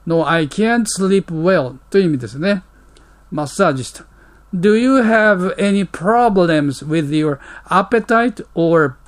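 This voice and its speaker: A man teaching English, reading out short dialogue lines and explaining them with fillers. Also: a little high. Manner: reads English lines slowly, then explains quickly with fillers.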